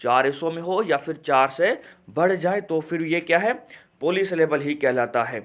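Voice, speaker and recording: Man teaching a lesson. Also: fairly high pitch. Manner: repeats words slowly and asks rhetorical questions. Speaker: English teacher. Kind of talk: classroom lesson explaining grammar.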